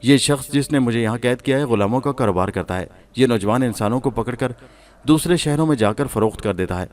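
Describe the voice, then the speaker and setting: A man voicing a young, learned Egyptian hero in a spoken story, speaking calmly and unshakably. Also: mid-range voice, natural voice. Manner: calm, unshakable.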